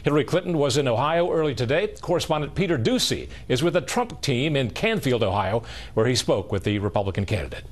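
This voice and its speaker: A man's voice: mid-range voice, animated, fast talker. American male news anchor.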